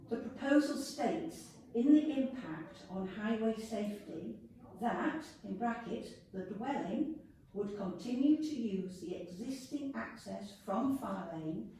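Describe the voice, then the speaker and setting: A woman's voice: medium pitch, animated, takes it slowly, mellow. A woman speaking with braces on her teeth, reading a formal prepared statement to a committee as a member of the public. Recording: echoey room, distant mic, faint noise.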